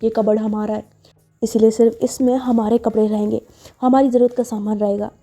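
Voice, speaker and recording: A woman's voice: fairly high pitch, flat delivery, brisk, mellow. A woman voicing an indignant young woman who refers to herself as 'we' and fiercely guards her room.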